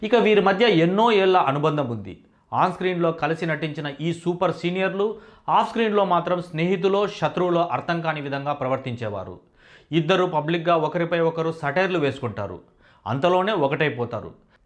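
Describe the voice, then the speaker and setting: A man giving a scripted entertainment news voice-over in a steady, formal reading manner. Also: a little high, brisk.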